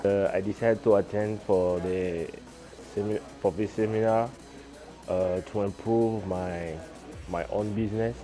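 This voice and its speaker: A man from Maryland speaks haltingly in a low, dark voice, repeating words as he finds his way. Faint music plays under him. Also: fairly even intonation. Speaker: seminar student. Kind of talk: testimonial interview.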